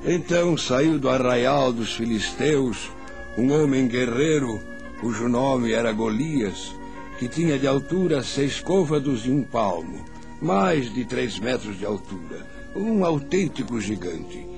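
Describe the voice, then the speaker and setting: An older man narrating a Bible story for children as a grandfather, solemn and deliberate, in a dramatic storyteller's way. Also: mid-range voice, animated, a little mellow. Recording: music under the voice.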